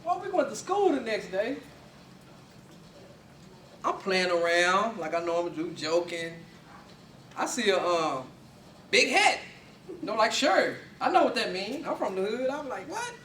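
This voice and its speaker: A young man giving a lively personal story speech to a class, often laughing as he tells it. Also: sits high, measured pace, long pauses, recorded from a distance, a little hiss or hum. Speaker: student speaker. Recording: echoey room, mic from afar.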